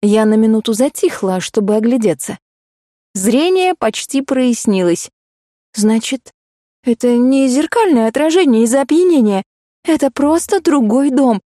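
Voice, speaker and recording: A woman narrating a first-person romance novel in an expressive, dramatic reading. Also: fairly high pitch, measured pace, dry recording, studio quality. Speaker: audiobook narrator.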